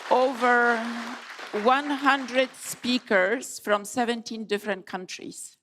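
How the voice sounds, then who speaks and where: A middle-aged woman from Poland giving a formal opening speech at a conference, measured and emphatic with deliberate pauses. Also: fairly high pitch, crowd noise, background noise. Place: large conference hall. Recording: long hall reverb.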